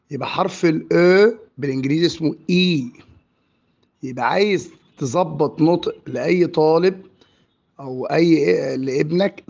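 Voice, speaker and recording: A man's voice: fairly high pitch, vocal fry, a little mellow. A man with an Egyptian Arabic accent explaining French vowel sounds as a teacher, drawing out and repeating each example word. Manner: slow and drawn out on example words, repeating each one. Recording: dull lo-fi recording.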